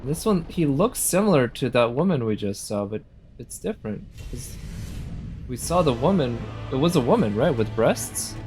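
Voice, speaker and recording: A man with a medium-pitched, sing-song voice talks at a moderate pace while casually commentating a video game live. He thinks out loud, often questions what appears before him, and loud game music plays in the background.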